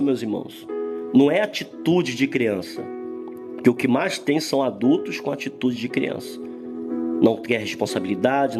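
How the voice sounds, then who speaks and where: Guy preaching a morning sermon, mid pitch, keeps asking the crowd questions. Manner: emphatic, rhetorical questions, addresses listeners as brothers.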